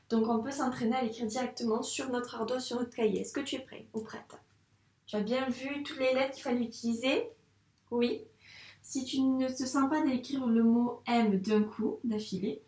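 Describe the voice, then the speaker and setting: A woman teaching young children handwriting, speaking patiently and slowly spelling words out syllable by syllable. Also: a little high, darkish tone, reverberant, distant mic. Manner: slow, patient, syllable-by-syllable dictation. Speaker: primary school teacher.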